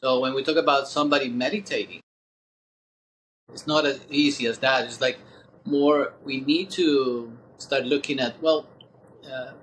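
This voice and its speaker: Man in his sixties, reflective and halting. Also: mid-range voice, fairly even intonation, fairly bright tone, low-quality recording. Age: 60s. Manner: thoughtful, halting, many pauses. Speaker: guest. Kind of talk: reflective interview talk.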